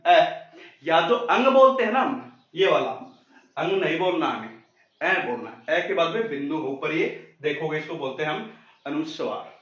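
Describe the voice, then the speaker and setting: A man teaching a pronunciation lesson, repeating each sound slowly and quizzing the listener. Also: fairly high pitch, a bit bright. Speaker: Hindi teacher. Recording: very echoey muffled room.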